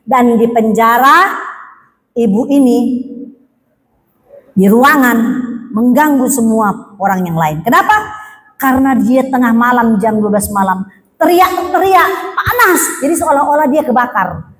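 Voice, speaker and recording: A woman preacher, telling a prison ministry story as a sermon and acting out the dialogue, her voice moving between hushed and raised. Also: a little high, animated, unhurried, long pauses, long reverb tail, low-quality recording.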